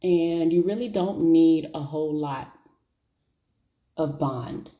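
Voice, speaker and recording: A beauty vlogger chats casually during a live stream, thinking aloud and poking fun at herself as she puts on her lashes. Her voice is low, slow and mellow, and the room has an echo.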